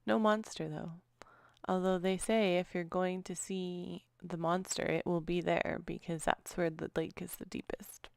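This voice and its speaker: A woman's voice: fairly low pitch, level tone, a little slow, creaky, clear, resonant tone, no room sound, studio quality. A woman narrating her own crafting video in a casual, chatty voice-over, often apologizing and trailing off with small laughs. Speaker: scrapbooking vlogger.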